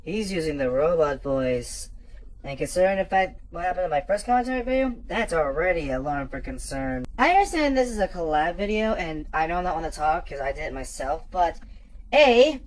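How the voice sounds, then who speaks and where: A woman co-hosts a critical commentary in a lowish voice that moves a lot in pitch. She is blunt and dismissive, pointing out errors with a firm, unimpressed tone. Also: sing-song, fairly quick, poor audio. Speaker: commentary co-host.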